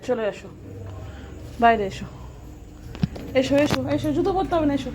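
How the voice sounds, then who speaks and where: A woman's voice: high-pitched, lively intonation, normal speed. A young woman vlogging at home, coaxing her children and chatting to viewers. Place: at home, indoors. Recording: noisy home recording with vehicle sounds.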